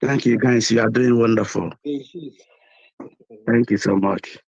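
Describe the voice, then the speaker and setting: A hoarse man with a cold, calling into an online meeting and speaking hesitantly with many fillers. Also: lowish voice, fairly even intonation, unhurried, darkish tone, dry recording, highs cut off. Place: London.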